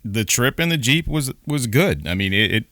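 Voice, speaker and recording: A man's voice: mid-range voice, very animated, moderate pace, a bit bright, dry recording. A man co-hosting a podcast, chatting casually in a rambling way with restarts and frequent laughs. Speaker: podcast co-host. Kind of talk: casual chat.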